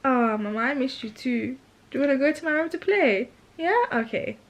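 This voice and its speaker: A woman's voice: sits high, animated, normal speed, pitched above the performer's own voice. A woman voicing a sweet little girl who dotes on her baby sister, gushing and pleading in a babyish way. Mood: doting.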